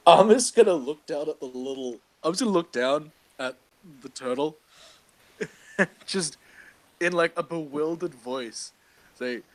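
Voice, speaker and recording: A man's voice: fairly high pitch, expressive, unhurried, no echo. A man voicing his character in a tabletop role-playing game, laughing often as he plays. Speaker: player. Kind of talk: casual tabletop role-play.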